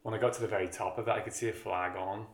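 A man with a slightly low voice, recorded in an echoey room. He interviews casually, in halting, informal phrases that he often restarts. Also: steady tone. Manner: informal, halting questions with self-corrections. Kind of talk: casual chat.

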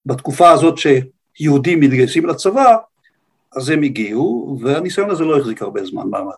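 An older man with an Israeli accent and a slightly husky voice, giving an unscripted historical account as a guest, in halting, deliberate phrases. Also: mid-range voice, expressive. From Israel, grew up on a kibbutz.

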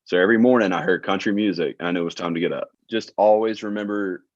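A man in his late twenties from South Alabama with a Southern accent, telling stories as a podcast guest in a relaxed way with lots of filler words. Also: sits low, fast, dry recording, lo-fi sound. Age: late 20s. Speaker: guest, tour manager. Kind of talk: casual interview chat.

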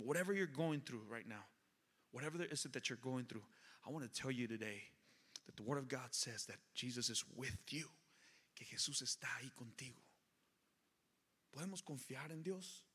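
A man in his thirties preaching a bilingual sermon as a pastor, switching between Spanish and English and building to forceful exhortation. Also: medium pitch, normal speed, pauses often, breathy edge. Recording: echoey hall with long reverb.

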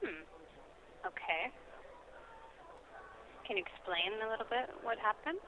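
A woman's voice comes through a muffled phone line. She is a store manager with a mid-range pitch, and she speaks politely, sounding puzzled and asking for explanations. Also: expressive, a little slow, background noise. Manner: polite, puzzled, asks questions. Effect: heard over the phone.

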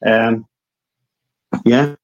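A man's voice: medium pitch, fairly even intonation, drawn-out words, highs cut off, a little hiss or hum. Man with a broad Scottish accent. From Scotland. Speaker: call-in guest. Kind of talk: casual reminiscing.

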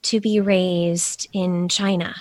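A woman hosting a podcast, asking slow, gentle guiding questions. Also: fairly low pitch, little pitch movement, dry recording, studio quality. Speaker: podcast host. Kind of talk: guided meditation and interview.

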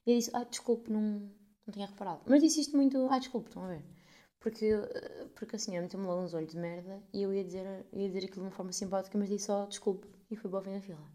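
A twenty-one-year-old podcast host with a European Portuguese accent and a fairly low voice tells her listeners a story in a casual, animated way. She swears freely and acts out the people she quotes.

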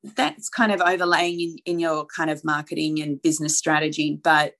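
A woman's voice: low voice, steady tone, normal speed, fairly bright tone. A woman brand strategist in casual conversation, earnestly explaining her ideas and firing off rhetorical questions, with plenty of "you know". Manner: earnest, asks rhetorical questions, many fillers. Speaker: brand strategist and mentor, podcast guest.

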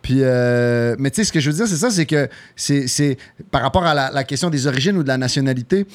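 A man's voice: medium pitch, lively intonation, a little fast. A man who is a podcast guest, speaking in a thoughtful, reflective way with frequent restarts. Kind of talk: casual chat.

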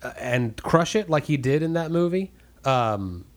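A man's voice: fairly high pitch, expressive, unhurried. A man co-hosting a casual film podcast, jumping in eagerly with praise and questions. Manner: enthusiastic, interjecting. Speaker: podcast co-host.

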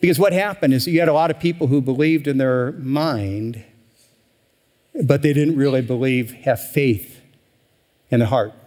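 A male pastor delivers his sermon in a chatty, unpolished way, full of "you know" and false starts. His voice sits at a middle pitch. The sound trails off into a long, echoing sanctuary reverb. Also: a little mellow. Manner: conversational, many fillers and restarts. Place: church sanctuary.

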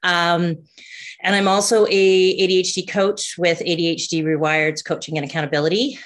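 Podcast host, woman with a deep voice, loose rambling talk. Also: little pitch movement, moderate pace. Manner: rambling with frequent fillers and restarts. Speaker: ADHD coach and podcast host. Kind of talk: casual conversational chat.

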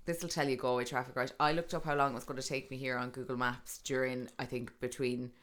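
A woman with a west of Ireland accent from Kerry, chatting casually as an interview guest, telling stories in an animated, colloquial, self-deprecating way. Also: extremely low pitch, fast. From Tralee, County Kerry, Ireland. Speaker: radio presenter and DJ, podcast guest.

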